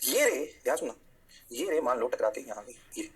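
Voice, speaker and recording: A male physics teacher lecturing at speed, in a middle-pitched voice. He coaxes and checks on his students constantly, keeping the delivery energetic. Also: a little fast. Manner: energetic, coaxing, fires rhetorical questions. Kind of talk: classroom lecture.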